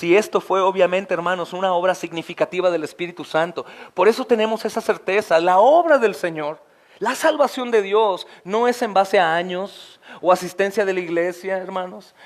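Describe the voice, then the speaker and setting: A man over forty delivers an impassioned expository sermon from the pulpit. His voice sits high for a man and climbs higher still on emphatic questions. He keeps turning to his listeners and calling them brothers. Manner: often addresses listeners as brothers. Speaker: pastor.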